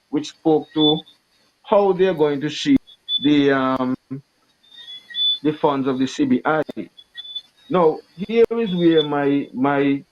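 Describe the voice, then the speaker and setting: Halting man on a choppy video call. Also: a little high, darkish tone, slight background noise. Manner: halting, hesitant, searching for words. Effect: video call audio, breaking up. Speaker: call-in guest. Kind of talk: political discussion. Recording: dull lo-fi video call line.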